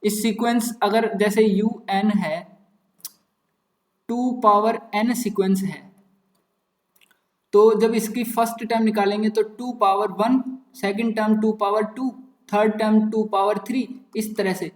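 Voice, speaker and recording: A man's voice: high voice, flat delivery, slow. A young man teaching maths in a casual lecture, repeating words playfully and muttering asides. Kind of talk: casual Hindi-English lecture. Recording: echoey room.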